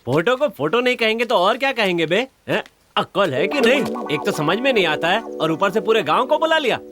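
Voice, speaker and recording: A man's voice: high voice, big pitch swings, a little fast, over music. A man dubbing a brusque village man who shoos people away. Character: bossy village man, a father.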